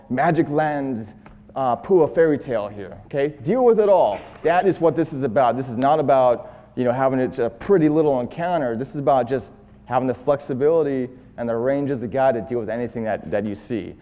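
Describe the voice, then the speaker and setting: A man's voice: medium pitch, fairly quick, dark tone, long reverb tail. A man coaching other men on dating in a casual seminar talk, blunt and profane, telling stories from his own life.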